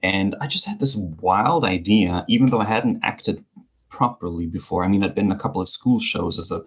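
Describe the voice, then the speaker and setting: Speaking a little fast in a low, expressive, slightly rough voice, a male speaking coach talks articulately and wryly as a guest on a podcast. The conversational interview features a man who is a native speaker of Greek and German.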